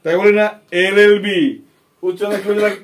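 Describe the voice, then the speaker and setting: Speaking fairly quickly in a high voice with little pitch movement, a Bengali-accented man teaches kids English grammar. He is patient and repetitive, asking his students questions throughout.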